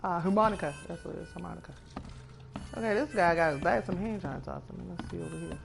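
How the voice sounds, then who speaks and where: A woman with a creaky voice giving casual commentary as she plays a video game. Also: on the low side, quick pace. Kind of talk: casual let's-play commentary. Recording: game music behind the voice.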